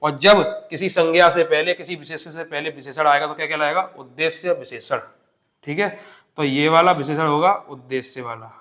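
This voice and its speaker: A man's voice: a little high, brisk, sharp tone. A man teaching an exam-prep grammar lesson step by step, asking questions and answering them himself.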